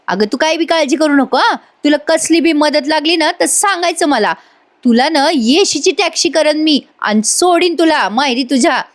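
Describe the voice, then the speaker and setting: A woman's voice: high-pitched, moderate pace, pitched above the performer's own voice, lightly acted. A woman voicing a scheming, meddling older village aunt who talks in a pleading, wheedling rural way. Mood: coaxing.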